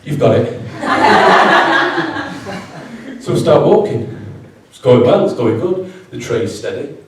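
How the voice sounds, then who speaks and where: A man's voice: mid-range voice, very animated, slow, far from the mic. A man with a Yorkshire accent performing a self-mocking comic story live on stage. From Yorkshire, England. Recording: roomy live venue, from afar.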